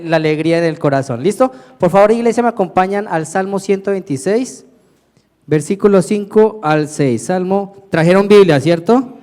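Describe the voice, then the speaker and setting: A man from Colombia, a deacon preaching a lively sermon to his congregation, asking them questions and leading their responses. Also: sits high. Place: large church hall with congregation. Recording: echoey church hall.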